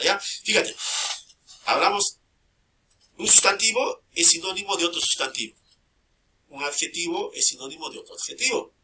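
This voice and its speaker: A man's voice: fairly high pitch, pushed and bright. A man teaching a grammar lesson, repeating key terms and checking in constantly with short questions to his students.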